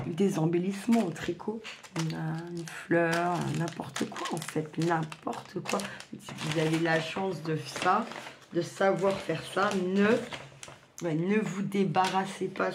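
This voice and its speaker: A woman talks in a fairly low, gravelly voice, her sibilants softened by a lisp. She chats informally and bluntly, drifting from one aside to another like a craft vlogger. The recording has clear background noise. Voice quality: lisping, slightly slurred sibilants from dental appliance. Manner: colloquial, digressive, blunt. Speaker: craft video host. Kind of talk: casual rambling chat to viewers.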